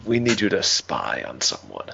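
A man playing a tabletop roleplaying game, speaking casually in character with a dry, deadpan manner. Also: extremely low pitch, normal speed, creaky, slight background noise. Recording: slightly muffled recording.

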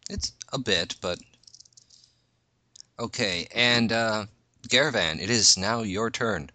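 A man with a low, crisp-edged voice runs a tabletop game. He narrates and makes rulings casually, in halting, repeated phrases. The recording is very dry. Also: bright, forceful tone, no room sound. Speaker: game master.

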